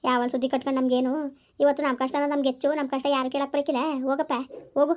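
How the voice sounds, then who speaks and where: A woman's voice: high-pitched, flat delivery, racing, natural voice. A middle-aged woman, playing a bitter, scolding mother-in-law in a homemade village family drama. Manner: sharp and dismissive, cuts others off. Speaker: village skit actor.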